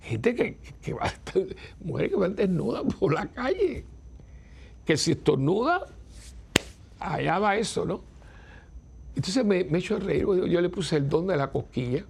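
A man's voice: high voice, sing-song, measured pace, creaky, pauses often, a little mellow, a little hiss or hum. An older man, a priest giving an informal spiritual talk in a conversational, chuckling way that often stops and restarts. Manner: conversational, self-interrupting, chuckling.

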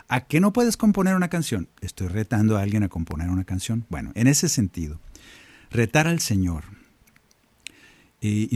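Husky-voiced man leading prayer. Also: fairly low pitch, no echo. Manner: animated, acts out quoted voices, addresses listeners as brothers and sisters. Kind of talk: prayer reflection addressed to listeners. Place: own recording studio.

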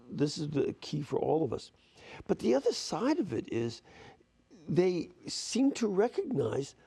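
A Polish American man, a priest hosting the show, responding thoughtfully and at a measured pace. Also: high-pitched, mellow, husky. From United States, Polish American. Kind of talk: reflective conversational interview.

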